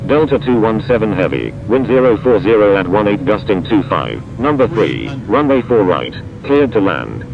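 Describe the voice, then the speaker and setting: A man's voice: very animated, normal speed, gravelly, few pauses. A man speaking as an air traffic controller, reciting procedural instructions in set radio phraseology. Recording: muffled radio with loud rumbling noise.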